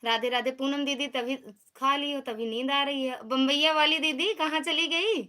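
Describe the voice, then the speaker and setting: Bright-voiced Awadhi woman hosting a live stream. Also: high-pitched, fairly even intonation, normal speed. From Uttar Pradesh. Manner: chatty, teasing, greets viewers by name. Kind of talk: casual live-stream chat reading out viewer comments.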